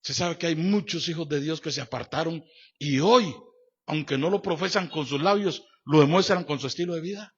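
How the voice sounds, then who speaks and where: A man preaching a sermon as pastor, emphatic and repetitive, swinging between loud declarations and quiet asides, speaking straight to the congregation with rhetorical questions. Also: on the high side, moderate pace, breathy edge. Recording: dull lo-fi church sermon recording.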